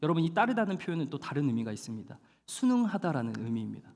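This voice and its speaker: A male pastor preaching a sermon to a young adult congregation, animated and storytelling, with dramatic slowdowns for emphasis. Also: on the high side. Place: church hall. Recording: long hall reverb.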